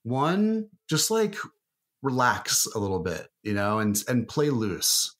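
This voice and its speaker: A man's voice: mid-range voice, very animated, slow, a bit bright. A man talking loosely in a podcast interview, full of fillers and restarts. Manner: rambling, many fillers and restarts. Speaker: marketing guest. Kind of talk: casual interview talk.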